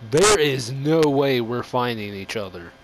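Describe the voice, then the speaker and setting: A man's voice: mid-range voice, expressive, measured pace, noisy background. A man hosting a casual let's-play, joking around and exclaiming as he plays a horror game mode. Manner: joking, exclaims and laughs often. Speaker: gaming channel host.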